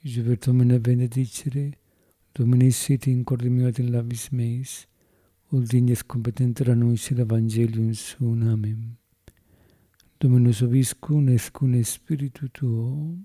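A man's voice: medium pitch, flat delivery, dark tone, no room sound. A man, a priest, solemnly reciting Latin Mass prayers and reading the Gospel aloud in Spanish. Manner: slow, solemn intoning.

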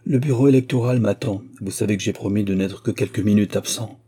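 A man reading the part of a busy village mayor who speaks in a hurried, brisk way. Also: on the low side, mellow, husky.

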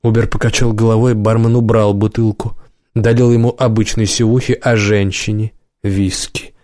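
A man narrating an audiobook in a measured, even storytelling manner. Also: fairly low pitch, dry recording, clean studio sound.

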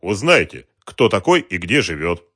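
A man's voice: deep voice, very animated, normal speed, fairly bright tone, no room sound, studio quality, heavily acted. A man doing a stern, commanding detective. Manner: stern and curt. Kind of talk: audiobook character voice.

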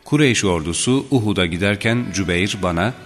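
A man narrating religious history aloud in a measured, solemn reading style. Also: fairly low pitch, expressive. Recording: reverberant with faint background music.

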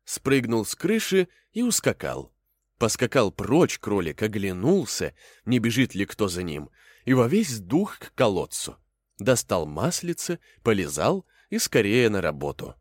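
A man reads a fairy tale aloud with lively, expressive storytelling. His pitch rises and falls widely from line to line. The sound is dry, with no room echo. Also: a little slow. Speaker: narrator. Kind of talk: storybook reading.

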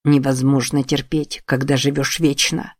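A woman voicing a male tengu spirit who speaks quietly and calmly. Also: very deep voice, no echo, clean studio sound, voice pushed down. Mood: consoling. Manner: quiet, measured.

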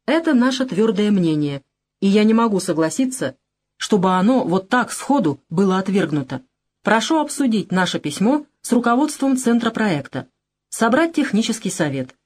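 A woman's voice: medium pitch, big pitch swings, normal speed, darkish tone. A woman reading the part of an earnest, indignant young male engineer in an audiobook, speaking insistently. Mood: firm.

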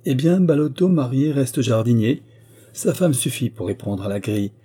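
A man reading the lines of a calm, kindly and authoritative old prince in an audiobook, speaking evenly and quietly commanding. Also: mid-range voice, moderate pace, husky, voice pushed up, close to an everyday voice. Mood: calm authority. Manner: even, quietly commanding delivery.

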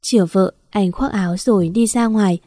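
A woman reads a story aloud in an even, measured way. Her voice is dark and mellow at a middle pitch, and the recording is dry and close with no room sound. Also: no room sound. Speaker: story narrator. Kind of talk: scripted story narration.

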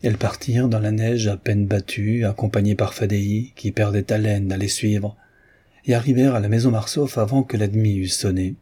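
A man narrating a classic novel in a measured, even reading style. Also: on the low side, husky. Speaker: audiobook narrator. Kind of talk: literary narration.

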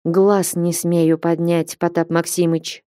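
A woman voicing a timid, guilty young male clerk who answers haltingly and pleads in a storybook reading. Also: medium pitch, expressive, dark tone, dry recording, clean studio sound, pitched above the performer's own voice. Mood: pleading. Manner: faltering, pleading.

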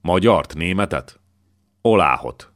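A man doing a gruff army count. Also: deep voice, animated, fairly bright tone. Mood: matter-of-fact. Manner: blunt and brisk.

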